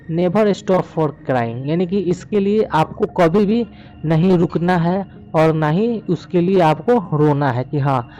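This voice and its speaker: Guy teaching a poem, kinda high voice, super slow, keeps saying "yani ki". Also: darkish tone, highs cut off. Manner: explains slowly, repeats "yani ki" often; reads English poem lines very slowly. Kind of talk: poem explanation lesson.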